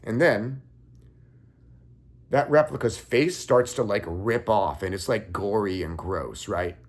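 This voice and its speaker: A young man calmly recounting a dream in a measured first-person story. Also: lowish voice. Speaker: occult content creator.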